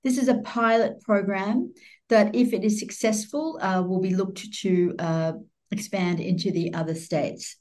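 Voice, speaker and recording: A woman's voice: mid-range voice, measured pace, a little mellow. A woman hosting an online event and giving housekeeping announcements in a semi-formal way.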